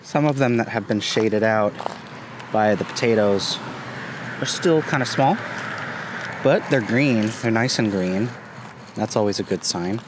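A man in his thirties giving a relaxed, casual tour of his garden while filming outdoors on a phone held at arm's length, with plenty of ums and uhs. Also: on the low side, measured pace, long pauses. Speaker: gardening vlogger. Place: outdoors in a sunny community garden. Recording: outdoor phone recording with traffic noise. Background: passing traffic and outdoor ambience.

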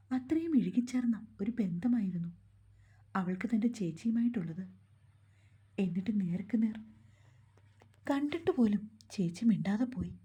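A woman reading a romance novel aloud in calm, steady scripted narration. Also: medium pitch, breathy edge. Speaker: storyteller.

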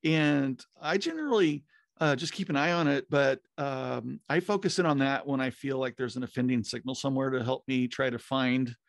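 This podcast co-host, a man in his fifties, has a gravelly, medium-pitched voice and talks at a moderate pace. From his home music studio he chats casually about audio tools, rambling with plenty of fillers and restarts. There's no room sound; he uses a studio mic and headphones on a video call.

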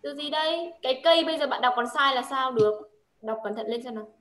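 A woman's voice: high-pitched, fast, fairly bright tone, roomy sound, low-quality recording. A woman with a Vietnamese accent tutoring a child in English reading, patiently correcting and modeling sentences. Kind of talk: one-on-one English reading lesson.

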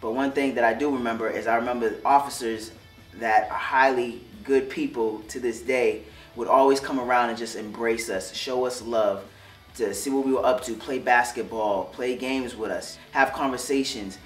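A man's voice: medium pitch, fairly even intonation, normal speed. Heartfelt young male officer, roomy sound. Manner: heartfelt, loose phrasing with restarts. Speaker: police officer. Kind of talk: interview testimonial. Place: studio with curtain backdrop. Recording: roomy studio, distant mic, soft music.

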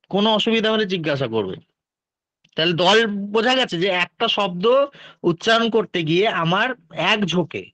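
A man teaching an exam-prep lesson with a Bengali accent, his voice pitched noticeably high. He explains patiently and one step at a time. The sound is dry and a little dull and lo-fi. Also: fairly bright tone, no echo. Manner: patient, explains step by step, takes student questions.

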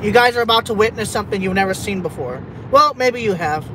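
A man's voice: sits high, expressive, fast. A man from Texas, live streaming from his car while driving at night, rambling and repeating himself as he vents half-jokingly. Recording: road noise from a moving car. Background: engine and road noise.

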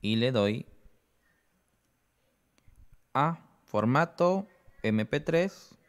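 A man's voice: mid-range voice, lively intonation, clean tone. Man walking through an app step by step. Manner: explains slowly, often adds "¿no?". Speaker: app tutorial presenter. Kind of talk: step-by-step how-to explanation.

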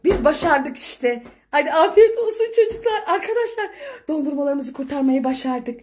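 Brief: young mom, vlog host, very high and bright voice, cheering the kids through a game at home, laughing and shouting. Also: female voice, lively intonation, normal speed, slight background noise. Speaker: mother and family vlog host. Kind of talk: excited commentary on a children's game.

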